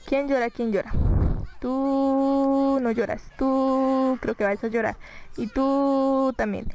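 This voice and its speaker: A woman's voice: sits high, fairly even intonation, slow, a little mellow, poor audio. A woman giving casual let's-play commentary over a life-simulation game, chatty and exasperated. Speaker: gaming YouTuber.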